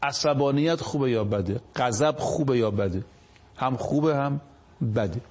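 Male religious speaker on a TV show, mid-pitch, slow scripture readings, rhetorical questions to viewers. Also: darkish tone. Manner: reads Arabic scripture slowly, then paraphrases it. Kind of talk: televised religious talk.

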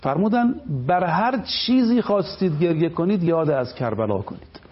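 A man's voice: sits high, expressive, breathy edge. Emphatic male cleric, lecturing on lo-fi audio. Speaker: cleric guest. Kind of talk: religious lecture on television.

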